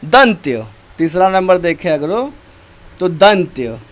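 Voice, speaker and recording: A male teacher giving a slow, deliberate grammar lesson, reciting letters one by one. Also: high-pitched, very animated.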